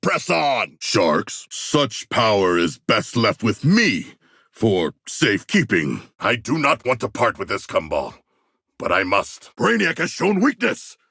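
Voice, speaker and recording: A huge shark warrior from a video game, proud, earnest and hungry for battle. The voice is forceful and gravelly, with a raspy edge. He speaks in lofty, formal phrases, as if every remark were a noble proclamation. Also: fairly low pitch, huge pitch swings, slow pace, no echo, clean studio sound, heavily acted. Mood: triumphant. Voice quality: gravelly, rough. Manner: formal, grandiloquent, literal-minded diction. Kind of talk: video game character voice lines.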